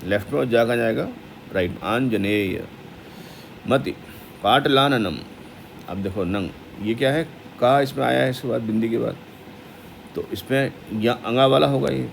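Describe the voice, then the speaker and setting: A man teaching the pronunciation of a Sanskrit hymn, explaining quickly and then reciting the verses slowly. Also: medium pitch, vocal fry, a little hiss or hum.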